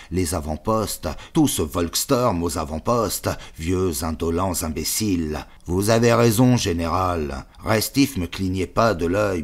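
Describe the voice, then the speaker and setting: A male audiobook narrator with a very deep voice. He reads a novel in short, measured bursts and lets each clause land on its own. The delivery stays steady and literary. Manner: measured, choppy literary phrasing. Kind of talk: reading a novel aloud.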